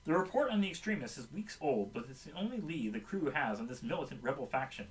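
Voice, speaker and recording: A man reading a board game's story text aloud to his group, animated and quick to laugh at his own slips. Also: a little high, distant mic, low-quality recording. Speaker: story reader for a board game.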